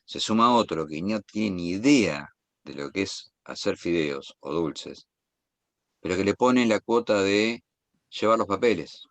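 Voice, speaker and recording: Deep-voiced, eager Argentine man. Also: animated, no room sound. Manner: eager, rushing to say many things at once. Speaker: guest speaker. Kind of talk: impassioned talk.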